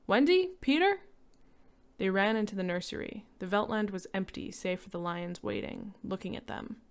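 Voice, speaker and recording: A woman giving a dramatic reading of a short story, acting out each character and rising loud for the shouting and panicked lines. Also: mid-range voice, little pitch movement, a little fast, clean tone. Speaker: reader.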